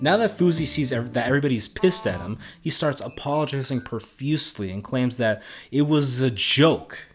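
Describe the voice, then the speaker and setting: Sardonic male commentator over music. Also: medium pitch. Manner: sardonic, emphatic. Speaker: commentary video host. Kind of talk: informal opinionated commentary.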